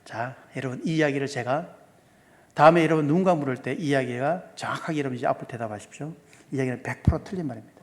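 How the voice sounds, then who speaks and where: A man's voice: mid-range voice, quick pace. A male pastor giving a seminar sermon, asking the congregation questions and walking through sums step by step. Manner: asks the congregation many questions. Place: church sanctuary. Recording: long hall reverb.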